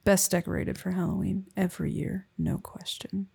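A woman playing an affectionate young wife and mother, speaking softly and intimately, often in a whisper, in an ASMR roleplay close to the mic. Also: medium pitch, fairly even intonation, normal speed, heavily acted. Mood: tender. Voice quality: breathy. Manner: soft, intimate, often whispered, with small laughs. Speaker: roleplay performer. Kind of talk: soft-spoken ASMR roleplay.

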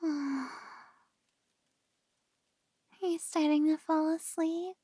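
Woman acting as loving gf ASMR role-play, right in your ear, super slow n soothing, high soft voice, lulling you to sleep. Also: no echo. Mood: tender, reassuring. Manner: close, right in the listener's ear. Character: tender, reassuring female partner lulling a loved one to sleep.

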